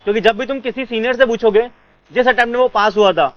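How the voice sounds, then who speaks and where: Male coach, high-pitched, smooth resonant tone, reassuring, answers his own questions, dry and slightly muffled. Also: fast talker, no room sound. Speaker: CA exam coach. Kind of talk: motivational advice to students.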